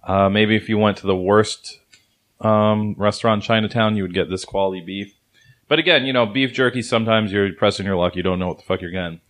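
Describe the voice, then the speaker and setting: A man's voice: lowish voice, steady tone, fairly quick, fairly bright tone. A man hosting a casual snack review, rambling and laughing between swears. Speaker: host.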